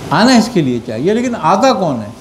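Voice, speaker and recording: This spiritual teacher from Pakistan speaks high with big pitch swings while giving religious teaching and fielding questions. He habitually asks rhetorically if his point was understood, against background noise.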